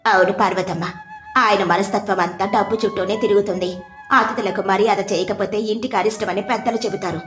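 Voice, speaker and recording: A woman's voice: mid-range voice, fairly even intonation, brisk, natural voice. A woman voicing a patient, sensible village wife who speaks mildly and reasons things through. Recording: roomy with soft background music.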